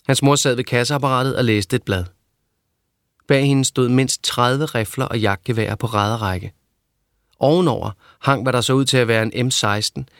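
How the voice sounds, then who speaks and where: A man narrating a novel in a steady, even reading voice. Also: mid-range voice, no echo, clean studio sound. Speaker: audiobook narrator. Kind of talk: scripted narration.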